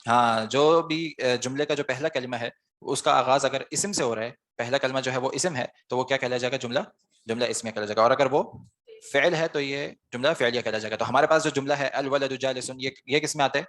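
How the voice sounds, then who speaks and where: A man's voice: mid-range voice, fairly bright tone. A man teaching an online Arabic grammar class, explaining step by step and putting questions to the students before answering them himself.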